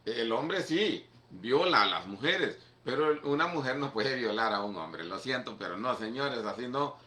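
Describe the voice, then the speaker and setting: Pastor hispano predicando en sala con eco. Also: male voice, mid-range voice, expressive, moderate pace, bright, forceful tone, roomy sound. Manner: conversational, emphatic preaching with repeated "mira" and "¿ok?". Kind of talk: sermon.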